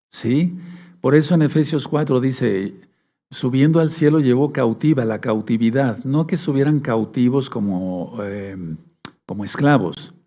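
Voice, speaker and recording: A man preaching a Bible study sermon, reading verses aloud slowly and often checking that his listeners follow along. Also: mid-range voice, mellow. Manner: reads scripture aloud slowly. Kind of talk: sermon teaching.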